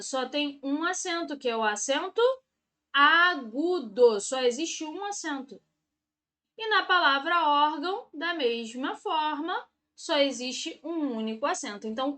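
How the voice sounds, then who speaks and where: High bright-voiced Brazilian woman teaching. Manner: upbeat, chatty, drawn-out teaching emphasis. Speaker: Portuguese teacher. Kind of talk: exam-prep video lesson.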